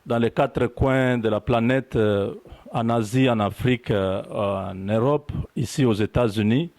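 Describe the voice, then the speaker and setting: A man from Congo giving an impassioned political address to his compatriots, halting with fillers at first, then building to emphatic, repeated declarations. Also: mid-range voice, a little mellow. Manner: fervent, building to raised emphatic repetition; halting with frequent fillers at the start. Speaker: diaspora political representative.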